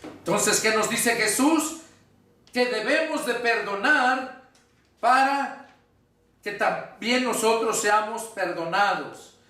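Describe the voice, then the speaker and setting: Man, pastor, sermon, deliberate scripture reading, very roomy sound, distant from mic. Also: high-pitched, expressive, sharp tone. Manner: preaching with rhetorical questions, reading scripture aloud; slow, deliberate delivery. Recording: echoey room, voice from off-mic.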